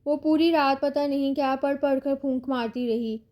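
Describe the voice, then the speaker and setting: A friendly nurse offers gentle, smiling remarks, as a woman narrator reads her. The voice is high and mellow. It stays close to the reader's own voice. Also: fairly even intonation, close to an everyday voice. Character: friendly female hospital nurse.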